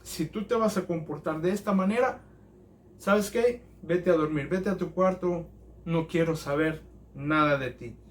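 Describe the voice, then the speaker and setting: A man's voice: a little high, measured pace, close to an everyday voice. A man voicing a tired, short-tempered working father in a told story, scolding his son. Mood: angry. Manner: scolding, then apologetic.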